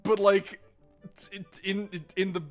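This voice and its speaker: A man streaming a game, chatting excitably and laughing, with tangled rambling asides. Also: sits high, a little slow. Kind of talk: casual gameplay chat. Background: game music.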